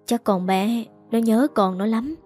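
A woman voicing a worried, gentle middle-aged mother. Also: fairly high pitch, measured pace, faint music behind, natural voice.

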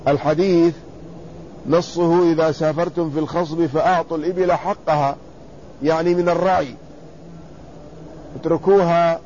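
A man teaching a classical text, reading each passage and then explaining it slowly and deliberately. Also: a little high, a little mellow, highs cut off, a little hiss or hum. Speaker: teacher of hadith sciences.

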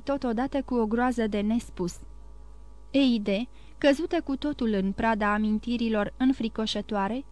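Brief: female audiobook narrator, higher pitch, measured and expressive. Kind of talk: scripted literary narration.

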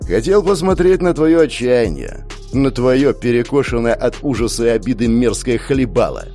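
A man's voice: medium pitch, animated, moderate pace, warm tone, faint music behind, lightly acted. A man voicing a cruel young man who taunts and threatens his captive in a sneering tone. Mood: gloating.

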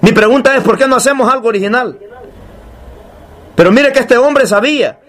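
A man preaching a sermon, emphatic and repetitive, asking rhetorical questions and slowing down to read scripture aloud. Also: extremely high pitch, a bit bright.

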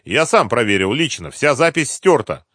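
A man voicing a bossy, quick-tempered gang leader in an audiobook, barking orders. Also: mid-range voice, sing-song, fairly bright tone, no echo, studio quality, voice pushed up. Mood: reporting.

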